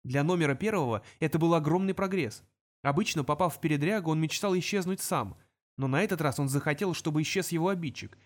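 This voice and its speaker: A man reads a fantasy story aloud in an even, steady storytelling voice. His pitch sits slightly high for a man. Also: fast. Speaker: audiobook narrator. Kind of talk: scripted narration.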